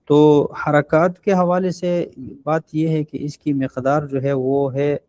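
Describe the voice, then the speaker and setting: A man teaching a Quran recitation class online. He explains patiently, fills pauses with drawn-out sounds, and models short vowel sounds slowly and deliberately. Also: on the high side, flat delivery, darkish tone, no room sound.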